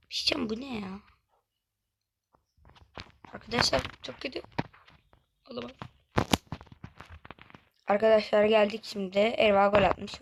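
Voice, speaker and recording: Woman narrating her gameplay for viewers, kinda high voice, lots of noise under it. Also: gravelly, fairly bright tone. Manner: chatty, keeps addressing viewers directly. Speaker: gaming channel host. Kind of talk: casual gameplay commentary.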